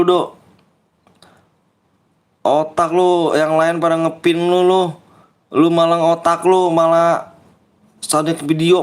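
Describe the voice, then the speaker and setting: A young man with a Betawi Jakarta accent chatting casually and teasing viewers during a game livestream. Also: fairly high pitch. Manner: teasing, playful, often mimics viewers' pleas. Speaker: livestream gamer.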